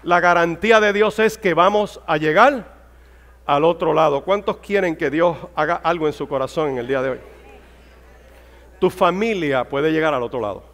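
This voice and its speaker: A man preaching a Sunday sermon, his voice pitched high for a man. He builds fervently toward exclamations. A long hall reverb trails behind every phrase. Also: moderate pace, fairly bright tone. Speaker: pastor.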